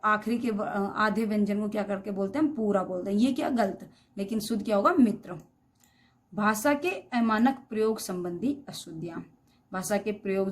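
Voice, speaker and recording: A woman's voice: mid-range voice, darkish tone. A woman teaching Hindi spelling, saying each word twice and asking the class questions. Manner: reads each word twice, wrong then correct, with quizzing questions; addresses students as beta. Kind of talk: classroom lesson on spelling errors.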